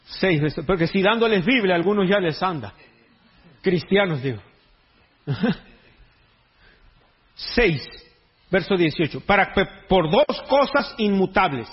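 A pastor preaches with a casual, joking tone and street slang. His voice sits high and sounds husky. The recording is dull and lo-fi. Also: expressive, slow pace, pauses often. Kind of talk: sermon.

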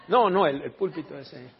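A man's voice: a little high, creaky. A man preaching a sermon in a church, telling stories with jokes and switching into English to read scripture. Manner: animated storytelling, joking with the congregation; reads scripture in English and Spanish. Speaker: pastor. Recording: echoey hall, dull lo-fi sound.

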